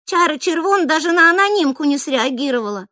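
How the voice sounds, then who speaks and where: A woman voicing a worried, indignant young girl who speaks high and protesting. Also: animated, pushed and bright, no echo, studio quality. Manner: high-pitched, quick to protest.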